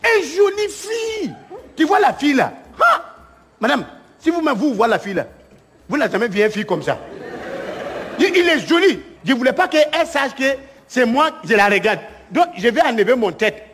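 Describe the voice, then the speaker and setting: A man's voice: very high voice, moderate pace, big-room sound, full character voice. A comedian voicing a boastful, broke man chatting up a girl in a bar, in broken French with a put-on Burkinabe accent. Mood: laughing boast. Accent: Burkinabe imitation. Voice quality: broken French, animated storytelling. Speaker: stand-up comedian. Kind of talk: comic monologue sketch.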